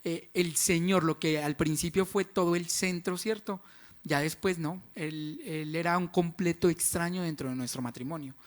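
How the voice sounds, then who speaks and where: A man's voice: a little high, normal speed. A man, frankly telling the story of his marriage in a church testimony. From Colombia. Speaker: husband sharing a testimony.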